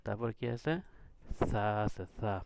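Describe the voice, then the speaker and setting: A man's voice: lowish voice, flat delivery, measured pace, vocal fry, very noisy. A man teaching letter sounds to beginners, patiently repeating each sound and checking with questions. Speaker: Quran reading teacher. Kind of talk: recorded lesson.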